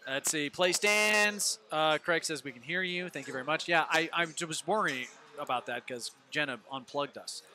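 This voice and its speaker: A man's voice: a little high, moderate pace, hardly any pauses, bright, forceful tone. A young man co-hosting a live football watch party in a bar, with casual commentary and cocky, teasing banter. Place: in a bar or brewery.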